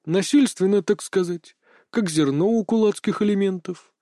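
A cackling old sorcerer with a raised, mellow voice, as a male reader puts him on, chatty and mock-tender as he coaxes his victim. The recording is dry and close, with a folksy, creeping menace under the friendliness. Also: high-pitched, moderate pace, no room sound, voice pushed up, natural voice. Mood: sly. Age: older.

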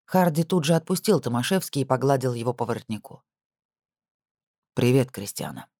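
A man reading a novel aloud with steady, even scripted narration. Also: mid-range voice, quick pace, no room sound, studio quality. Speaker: audiobook narrator.

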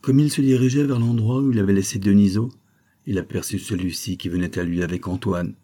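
A man narrating a classic novel with a low, dark, mellow voice. His reading is measured and steady, taking the story one sentence at a time. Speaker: audiobook narrator.

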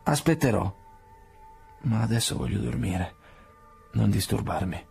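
A man's voice: fairly low pitch, animated, measured pace, creaky, darkish tone, faint music behind, full character voice. A man doing a weary, dying young man.

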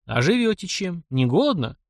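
A man's voice: high-pitched, sing-song, normal speed, no echo, studio quality, voice pushed up. A man voicing a blunt, earnest young male engineer who speaks plainly and directly.

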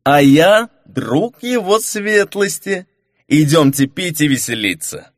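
A man voicing a boisterous drunk nobleman who drags out his words slowly. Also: fairly high pitch, animated, no room sound, studio quality. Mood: pushy drunken cheer. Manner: slow, drawn-out drunken speech.

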